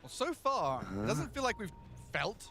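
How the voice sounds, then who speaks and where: Man, esports play-by-play, high lively voice, music under. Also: normal speed, a crowd in the background. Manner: excitable, joking, rises sharply in big moments. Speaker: esports commentator. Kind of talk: play-by-play commentary.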